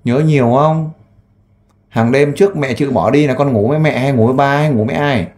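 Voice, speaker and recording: A man who works as a volunteer interviewer. He asks gentle, coaxing questions and makes an earnest appeal with frequent fillers. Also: mid-range voice, brisk. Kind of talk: on-the-spot interview and appeal to camera.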